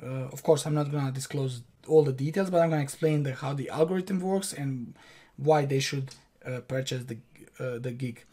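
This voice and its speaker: A young Croatian online course instructor, speaking with a Croatian accent, guides viewers through a screen-share tutorial from his home office in a casual style full of fillers and restarts. His mid-range voice has a dark tone and moves at a normal speed.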